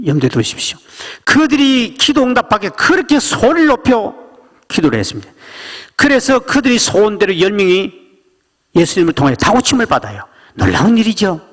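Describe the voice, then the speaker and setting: A man's voice: sits high, a bit bright. A male pastor preaching a sermon with emphatic storytelling, in a church sanctuary. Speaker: senior pastor. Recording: long reverb of church sanctuary.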